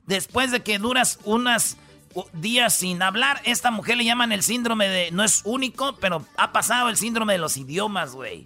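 A man's voice: high-pitched, expressive, moderate pace, pushed and bright, soft background music. A man with a Mexican accent hosting a comedic news countdown, joking in slangy banter. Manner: joking, slangy banter, drops "güey" often. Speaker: radio show host.

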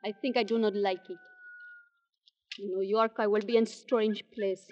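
A woman's voice: medium pitch, steady tone, normal speed, slight background noise, natural voice. An actress playing a tough, distrustful young Mexican woman with a Mexican Spanish accent and broken English in a 1940s radio drama. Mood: guarded. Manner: blunt, guarded, broken English. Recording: dull lo-fi old radio broadcast.

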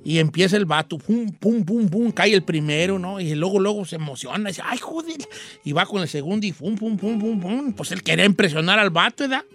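A man's voice: high voice, a little fast, hardly any pauses, fairly bright tone, faint music behind. A man with a Mexican accent hosting a morning radio show, telling a folksy joke story full of slang and asides to the listeners.

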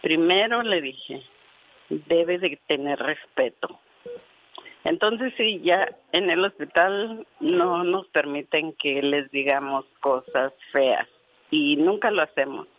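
A woman's voice: sits low, takes it slowly, muffled recording. A woman calling into a radio show, earnestly telling a story with quoted dialogue, her voice tearful at times. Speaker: radio caller.

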